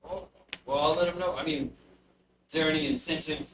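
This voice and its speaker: A man voicing a small bugbear child in a tabletop game, a pushy street hustler with slangy, wheedling patter and a little yet slightly deep voice. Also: steady tone, fairly quick, fairly bright tone, lightly acted. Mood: scheming. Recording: roomy, distant mic with faint noise.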